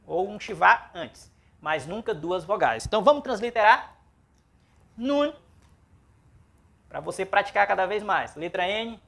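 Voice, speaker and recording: A woman's voice: medium pitch, animated, measured pace, creaky, pauses often, fairly bright tone. A woman with a Brazilian Portuguese accent teaching a Biblical Hebrew class, spelling out syllables and repeating words aloud for practice. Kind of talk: classroom lesson.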